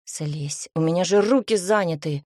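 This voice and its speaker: A woman reading an audiobook, voicing a hot-tempered young male warrior hero who talks bluntly and loudly in a lowered voice. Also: moderate pace, no echo, studio quality, close to an everyday voice. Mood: flustered.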